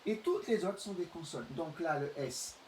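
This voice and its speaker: Male teacher, reading lesson for small children, slow and careful, echoey room, mic a bit far off. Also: on the high side, expressive, darkish tone. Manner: slow, careful, stretching out example words. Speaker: primary school teacher. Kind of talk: reading lesson for young pupils. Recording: roomy, distant mic, faint hiss.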